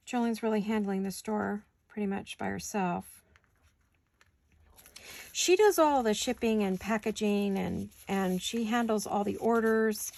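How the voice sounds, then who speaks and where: A woman's voice: medium pitch, gravelly. A woman hosting a crafting video, chatting casually and talking to herself as she works. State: hiccups. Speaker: crafting channel host. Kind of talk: casual crafting chat while working.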